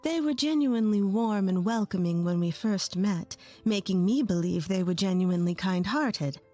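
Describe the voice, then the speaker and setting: A woman's voice: mid-range voice, moderate pace, mellow, faint music behind. A woman in her twenties from rural Texas, telling her own story in earnest, scripted first-person narration. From rural Texas, USA. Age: 20s.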